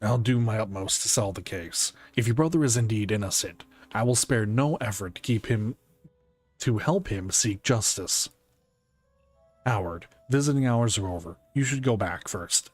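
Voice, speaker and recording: A man reading game dialogue aloud as a calm, conscientious police detective, in a serious and deliberate way. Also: on the low side, lightly acted. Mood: calm, reassuring.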